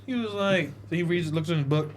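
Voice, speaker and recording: A man on a casual podcast, retelling a movie's plot with animated storytelling and acting out the characters' lines. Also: fairly high pitch, moderate pace, a little hiss or hum. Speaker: podcast co-host reviewing a film. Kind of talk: casual chat.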